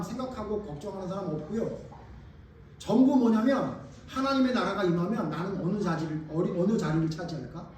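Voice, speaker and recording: A male pastor preaching a sermon, questioning the congregation and acting out lines of dialogue in an animated way. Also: high-pitched. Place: church sanctuary. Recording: distant mic in a reverberant church hall with faint noise.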